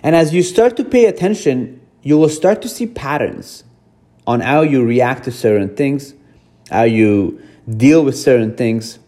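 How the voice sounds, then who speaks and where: Earnest podcast host with a mellow voice. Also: male voice, mid-range voice, expressive, unhurried. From Afghanistan. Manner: earnest, repetitive, addresses listeners directly. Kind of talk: reflective self-help monologue.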